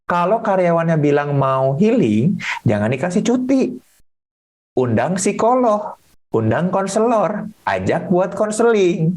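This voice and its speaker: A man's voice: on the high side, darkish tone. Casual man teaching self-awareness. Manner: conversational, rhetorical questions, acts out little dialogues. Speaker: counselor giving a webinar talk.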